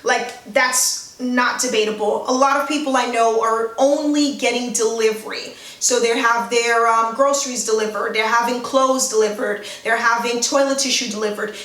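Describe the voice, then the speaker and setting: A woman's voice: fairly high pitch, fairly bright tone, roomy sound, recorded from a distance. A woman from New York with a New York accent, chatting frankly to camera in a casual vlog, full of "like". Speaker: vlogger.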